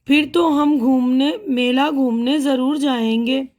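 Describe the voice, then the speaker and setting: A woman reading the part of the young schoolgirl Afsha from a primer dialogue, slowly and carefully. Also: sits high, fairly even intonation, darkish tone. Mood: eager. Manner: slow, careful reading aloud.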